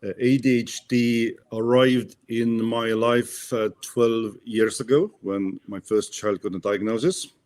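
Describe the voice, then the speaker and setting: A man's voice: mid-range voice, steady tone, takes it slowly, few pauses, darkish tone. A man from Estonia introduces himself on an online panel over a video call. He speaks hesitantly, with many fillers and an uneven pace. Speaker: panelist, scientist.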